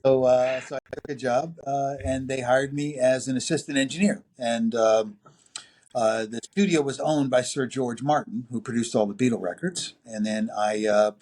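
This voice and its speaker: A man in his sixties with a New York accent, telling long anecdotes as an interview guest, full of fillers and lively quoted voices. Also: medium pitch, moderate pace. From New York City. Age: 60s. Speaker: music producer and engineer guest. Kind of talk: casual interview storytelling.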